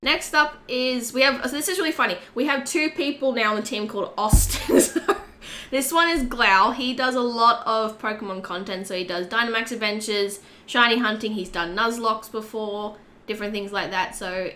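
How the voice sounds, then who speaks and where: Bright-voiced chatty woman podcast host. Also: fairly high pitch, moderate pace. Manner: chatty and animated, frequent "like" fillers. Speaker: podcast co-host and community co-leader. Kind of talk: casual podcast chat.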